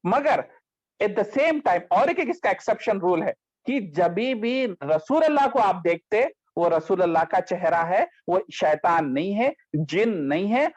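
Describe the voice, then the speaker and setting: Man, high voice, scripture teacher, emphatic and questioning, dry lo-fi recording. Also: dry recording. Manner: emphatic, rhetorical questions, quick shifts in pitch. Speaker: Islamic teacher. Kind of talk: religious lecture on scripture. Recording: dull lo-fi, dry sound.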